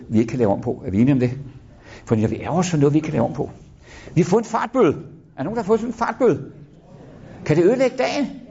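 A middle-aged man addresses a live audience in a fairly high voice, cursing casually and firing questions at the crowd. The recording is muffled and lo-fi. His delivery is frank and punchy. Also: mellow. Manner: blunt, swearing, asks the crowd questions. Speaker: motivational speaker. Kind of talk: live motivational talk to an audience. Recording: dull lo-fi recording.

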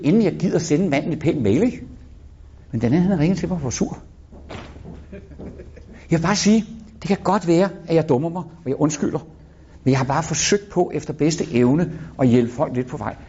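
A man's voice: on the high side, warm tone, slightly rough. Blunt, cussing motivational speaker, middle-aged man. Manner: blunt, swearing, asks the crowd questions. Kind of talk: live motivational talk to an audience. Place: in front of a live audience. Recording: dull lo-fi recording.

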